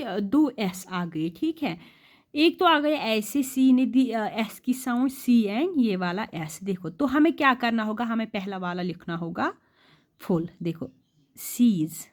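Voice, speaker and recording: A woman teaching shorthand in a classroom-style lesson, asking rhetorical questions and repeating words slowly. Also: fairly high pitch, a little mellow. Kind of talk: classroom lesson explaining rules.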